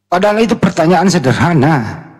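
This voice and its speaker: A man hosting a casual live chat, telling stories in an animated way and acting out the exchanges he quotes. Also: on the high side, a little fast, slightly rough. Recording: long hall reverb.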